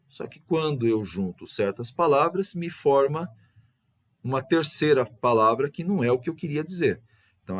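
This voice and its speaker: A man teaching an exam review lesson, explaining step by step and ending nearly every phrase with a tag question. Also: mid-range voice.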